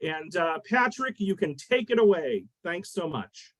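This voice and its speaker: Library host, male, high voice, dry close sound, upbeat intro over video call. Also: big pitch swings, no room sound, low-quality recording. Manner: upbeat, slightly halting. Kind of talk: introducing a virtual event.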